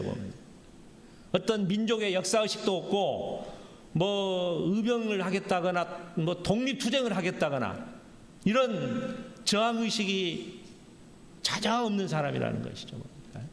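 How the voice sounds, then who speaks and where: A man preaches a Sunday sermon with a gravelly, fairly high voice that swings widely in pitch. He acts out blunt, challenging questions and keeps tagging his sentences with the same refrain. The sound carries the long reverb of a church hall. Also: very animated, normal speed. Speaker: pastor. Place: church sanctuary. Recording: echoey church hall, faint background noise.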